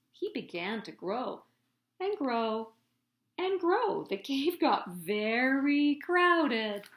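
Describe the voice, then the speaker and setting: A female storyteller with a slightly high voice reads from a children's picture book with dramatic, deliberate emphasis. The room she's recorded in is echoey.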